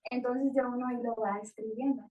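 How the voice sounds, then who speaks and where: A woman explaining phonetics in a church discussion, slow and searching for her words. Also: fairly high pitch, fairly even intonation, a little mellow, recorded from a distance, low-quality recording. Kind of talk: church Q&A talk.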